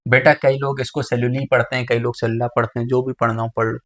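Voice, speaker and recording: A man's voice: medium pitch, flat delivery, fast talker. A man teaching biology in a lecture, often calling students "beta" and asking questions, then answering them himself. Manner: addresses students as "beta", asks and answers his own questions. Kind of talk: classroom lecture.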